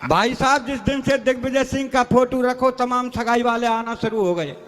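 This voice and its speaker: Guy w a really high voice doing comic poet stories on stage, folksy and chatty. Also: moderate pace, fairly bright tone. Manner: rustic, chatty storytelling, keeps addressing the crowd as sir. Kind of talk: stage comedy storytelling.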